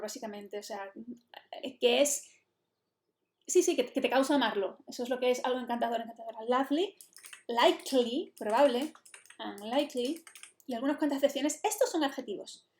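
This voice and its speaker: A woman's voice: a little high, a little mellow. A woman with a Spain Spanish accent, explaining an English lesson in a chatty, explanatory way and slipping in English phrases. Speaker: English teacher. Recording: roomy echo.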